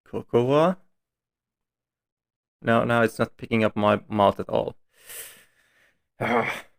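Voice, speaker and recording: A man's voice: lowish voice, flat delivery, measured pace, vocal fry, clean tone. A man streaming from home, reading story text aloud and breaking off for chatty, self-deprecating asides.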